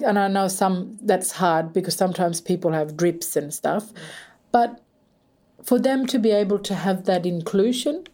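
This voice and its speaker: A woman talking in an interview discussion, halting and thoughtful as she works out her points. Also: medium pitch, mellow.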